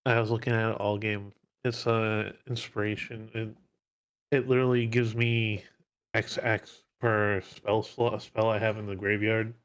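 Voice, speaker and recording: Flat, smooth-voiced man player explaining. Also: fairly low pitch, unhurried. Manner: explaining his plays matter-of-factly. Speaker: tournament player. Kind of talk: casual voice chat.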